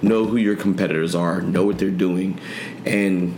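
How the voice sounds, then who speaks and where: Male guest, low voice, relaxed thoughtful delivery; echoey room, faint hiss. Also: moderate pace. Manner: relaxed, thoughtful, hesitant fillers. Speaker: guest, gym owner. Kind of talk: casual interview answers.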